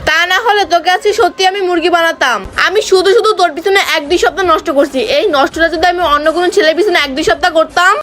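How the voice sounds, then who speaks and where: A woman playing a greedy young woman who cons boyfriends for money, scolding and sharp-tongued. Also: very high-pitched, quick pace, hardly any pauses. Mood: mocking. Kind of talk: amateur comedy skit acting.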